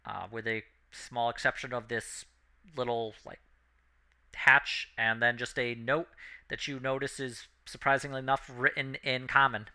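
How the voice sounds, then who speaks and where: A man narrating as dungeon master of a tabletop game, describing scenes in a relaxed, halting way with many fillers. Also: medium pitch.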